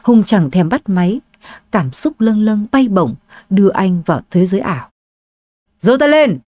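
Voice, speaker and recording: A woman storyteller giving steady, dramatic scripted audiobook narration. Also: medium pitch, moderate pace, no room sound.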